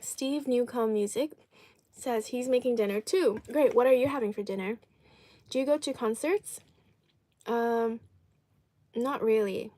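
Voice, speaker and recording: A woman's voice: on the high side, measured pace, long pauses, warm tone, no echo. Woman chatting casually as she chews. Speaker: live streamer, host of an eating show. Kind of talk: casual live chat while eating, reading viewer comments.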